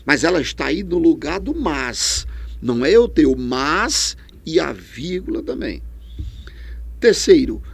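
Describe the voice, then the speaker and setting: A middle-aged man with a Brazilian accent teaching a distance-learning grammar lesson, asking questions and answering them himself with lively emphasis. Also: on the high side, unhurried, vocal fry, breathy edge. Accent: Brazilian Portuguese.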